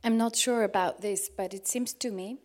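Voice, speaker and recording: A woman in her forties giving a sermon in short phrases, pausing for an interpreter. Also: mid-range voice, fairly even intonation. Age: 40s. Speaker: preacher.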